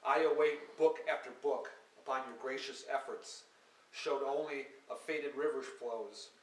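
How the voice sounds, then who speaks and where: A man's voice: mid-range voice, fairly even intonation. Man reading poems in an echoey room. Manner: measured, unhurried reading with halting, hesitant explanations. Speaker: poet. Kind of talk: live poetry reading with casual asides. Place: small hall at a live reading. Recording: echoey live room from a distance, faint hiss.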